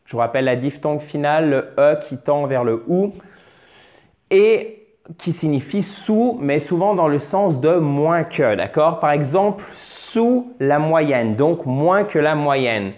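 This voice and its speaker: Male language teacher, higher-pitched, patient, repeats words slowly, chatty self-corrections. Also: lively intonation, darkish tone. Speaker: English teacher. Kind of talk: French-language English lesson at a board.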